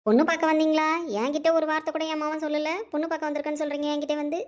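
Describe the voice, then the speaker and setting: A woman's voice: mid-range voice, level tone, quick pace, close to an everyday voice. A woman voicing a fussy, suspicious grandmother in her later years who scolds and wails over being slighted. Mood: indignant. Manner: scolding, wailing complaints. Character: fussy, suspicious elderly grandmother, quick to take offense.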